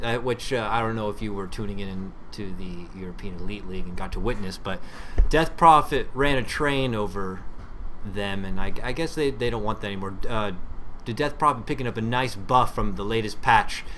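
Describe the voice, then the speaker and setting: A man's voice: lowish voice, normal speed, sharp tone. A man doing amateur esports caster commentary on a game stream, chatty and repetitive. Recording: home stream with background game noise. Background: game sounds and announcer.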